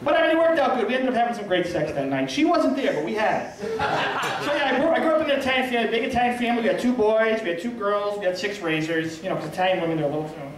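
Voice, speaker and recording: A man's voice: high voice, expressive, rapid-fire. A man doing a self-deprecating stand-up comedy set of punchy one-liners in a small restaurant. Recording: echoey room, far from mic, crowd laughing.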